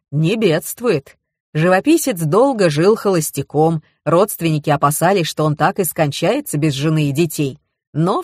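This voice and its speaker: A woman voicing a middle-aged male police colonel who questions calmly, in an audiobook. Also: low-pitched, dry recording, studio quality.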